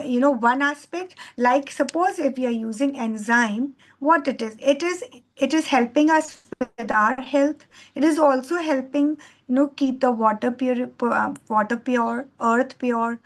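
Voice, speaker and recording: Over a video call, a Hindi-speaking middle-aged Indian woman delivers an online lecture as a guest trainer in a high voice at a measured pace. She's earnest but rambling, often using fillers and restarting sentences.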